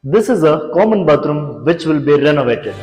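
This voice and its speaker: High-voiced young man touring an echoey apartment. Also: expressive. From India. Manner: measured, explanatory, pointing out features. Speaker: renovation company founder presenting a walkthrough. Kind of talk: scripted walkthrough presentation. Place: large empty apartment rooms, indoors. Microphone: lapel mic. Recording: echoey empty rooms with background music.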